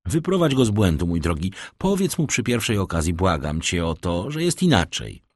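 A man voicing a vain, cheerful young gentleman, lifting his voice higher and airier, read in an audiobook. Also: sing-song, normal speed, no echo, studio quality. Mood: airy.

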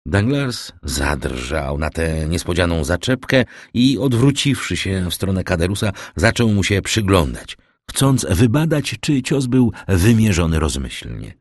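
A deep-voiced male narrator reads a classic novel slowly and expressively, his pitch rising and falling with the story. The sound is dry and close, with no room around it. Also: no room sound. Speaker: audiobook narrator. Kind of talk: classic novel audiobook reading.

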